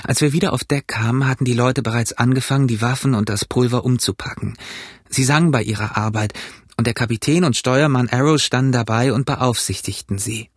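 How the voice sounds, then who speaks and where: Male narrator, slightly husky, dry close sound, even storytelling, audiobook. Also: medium pitch, fairly quick, no room sound. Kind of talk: scripted narration.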